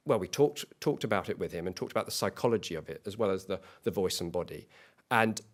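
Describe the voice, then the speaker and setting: In an event hall, a man who co-founded a small company delivers an earnest competition pitch, frequently restarting and repeating words.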